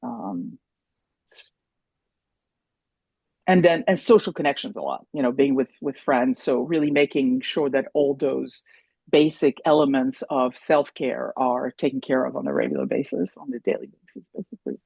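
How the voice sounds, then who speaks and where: With a rumbling low, dark and husky voice touched by vocal fry, a woman in her sixties chats at a moderate pace on a podcast. Born a German speaker and raised in France, she recounts stories animatedly and frequently starts over; the recording is dry.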